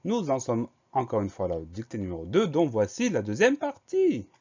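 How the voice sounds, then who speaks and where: Calm man spelling words out slowly. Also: mid-range voice, muffled recording. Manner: slow, careful, spells words out letter by letter. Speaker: primary school teacher. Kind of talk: spelling lesson for children.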